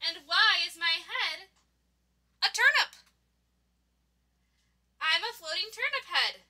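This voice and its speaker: A cheerful little storybook pig with a high, bouncy voice that leaps around as she talks, put on by a woman reading aloud. The tone is bright and the delivery unhurried, made for small children. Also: animated, heavily acted. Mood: puzzled.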